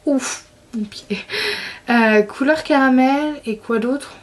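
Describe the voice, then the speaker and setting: A woman's voice: sits high, takes it slowly, noisy background. A young woman chatting casually about her monthly beauty favorites, enthusiastic and full of fillers and restarts. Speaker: beauty vlogger.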